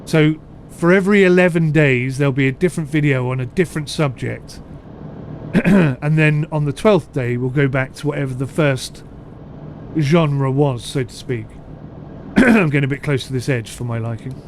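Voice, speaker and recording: A man talks through a ship simulator on a live stream in a loose, chatty way, poking fun at himself and answering his chat. His voice sits a little on the high side for a man. A faint steady hum runs under the recording. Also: moderate pace. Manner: chatty, self-deprecating, answers chat comments aloud. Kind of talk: casual live-stream commentary.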